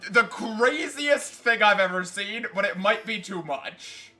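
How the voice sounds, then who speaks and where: A man's voice: high-pitched, animated, unhurried, bright, forceful tone, faint music behind. A young man streaming a live comic read-through, reading panels aloud and voicing characters with playful drama.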